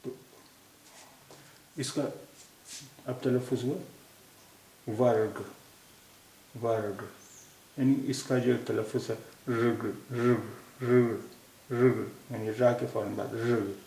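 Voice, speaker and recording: A man teaching a language lesson, repeating each word slowly to show how it is pronounced. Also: mid-range voice, fairly even intonation, vocal fry, warm tone. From India. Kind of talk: slow explanatory lesson. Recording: echoey room with faint hiss.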